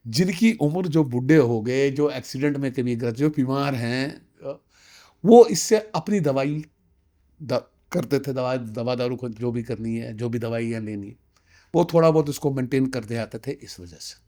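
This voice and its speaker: This man's mid-range voice is mellow and moves at normal speed. Roughly sixty and from Kashmir, India, he is interviewed as a community representative, giving insistent, emphatic testimony with rhetorical questions and a sprinkling of English phrases.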